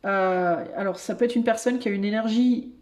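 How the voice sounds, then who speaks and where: A woman giving a channeled tarot reading to her viewers, thinking aloud and breaking into excited exclamations. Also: mid-range voice, normal speed. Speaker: tarot reader and medium.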